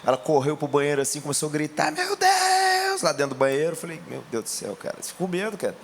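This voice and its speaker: A Brazilian man preaching a sermon, telling a testimony in a colloquial way and rising to shouts. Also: on the high side, very fast, a little hiss or hum. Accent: Brazilian Portuguese. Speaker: pastor.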